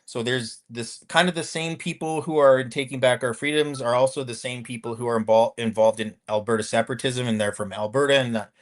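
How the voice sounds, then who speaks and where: A man's voice: medium pitch, steady tone, brisk, few pauses. A man in his fifties, a former convoy accountant, telling his story in a casual interview, rambling with many restarts and fillers.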